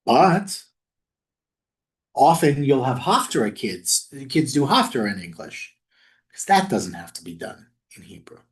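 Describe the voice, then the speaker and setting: Lively man teaching a Talmud class. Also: medium pitch, unhurried. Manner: lively, chatty, laughs at the text, stumbles over Aramaic words. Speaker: rabbi leading a Talmud study group. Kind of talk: informal teaching. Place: synagogue study room.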